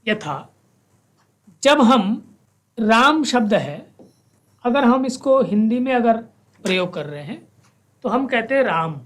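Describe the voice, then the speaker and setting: A woman teaching a language class, slowly reciting verses with careful pronunciation and then explaining them. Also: a little high, big pitch swings. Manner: switches between chanted verse and spoken explanation. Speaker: Sanskrit teacher.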